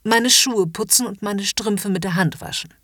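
A woman's voice: mid-range voice, normal speed, fairly bright tone, no echo, studio quality, close to an everyday voice. A woman voicing a haughty, domineering upper-class lady in a commanding, mocking whispered role-play.

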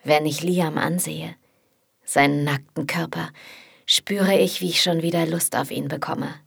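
A woman narrating a first-person audiobook in an intimate, matter-of-fact tone. Her voice is low, with a gravelly, husky edge. It is recorded close with no room sound. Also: steady tone, a little slow, no echo.

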